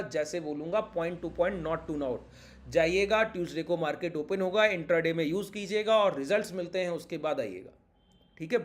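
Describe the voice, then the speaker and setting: A man teaching a trading lesson over a chart, insistent and repetitive, often checking that his point is clear. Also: a little high. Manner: insistent, repeats points, keeps asking if it is clear.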